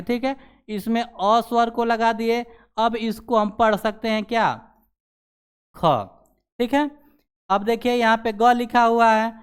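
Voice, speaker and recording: Clear-voiced man teaching a lesson. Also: very high voice. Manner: repeats "ठीक है" after nearly every sentence; asks questions and answers them himself. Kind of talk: classroom grammar lesson.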